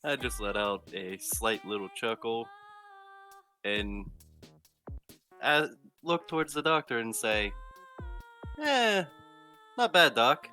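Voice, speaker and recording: A man's voice: lowish voice, lively intonation, slow pace, pauses often, sharp tone, soft background music. A man playing in a tabletop game who speaks in a laid-back, teasing way. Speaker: player. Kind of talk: describing his character's actions.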